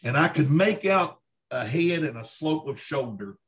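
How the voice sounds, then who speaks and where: A man's voice: fairly high pitch, expressive, unhurried. A man with a Kentucky accent telling first-hand stories in a folksy, emphatic, conversational way, repeating himself for emphasis as an interview guest. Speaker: interview guest, Bigfoot researcher.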